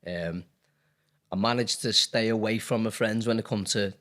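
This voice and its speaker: Talking at a moderate pace, this Liverpool-born dentist in his thirties, who also owns a business, has a fairly low voice with a sharp tone. He is candid in a relaxed interview, rambling slightly and using plenty of fillers.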